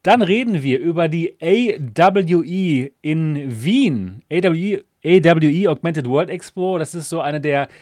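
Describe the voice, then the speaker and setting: Chatty German podcast host, dry sound. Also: male voice, fairly high pitch, lively intonation, unhurried, few pauses, darkish tone, no room sound. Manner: upbeat, chatty show intro with fillers. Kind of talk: casual chat.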